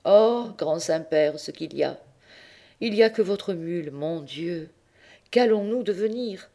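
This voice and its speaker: A woman's voice: fairly low pitch, lively intonation, a little slow, dark tone, pitched above the performer's own voice. A woman voicing a sly young male clerk who pretends to be upset, in a whining, mock-lamenting tone. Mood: mock-distressed.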